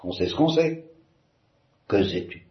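A man's voice: fairly low pitch, very animated, measured pace. A man reading a novel aloud, voicing a bitter, tormented young man who swings from wry irony to anguished outbursts. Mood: anguished, ironic. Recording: roomy, slightly dull.

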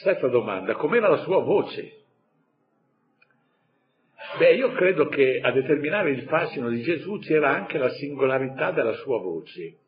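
A man teaching a catechism class at a middle pitch. He keeps it conversational, with rhetorical asides and the odd chuckle. The recording sounds dull and lo-fi. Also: sing-song, moderate pace. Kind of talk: catechesis talk.

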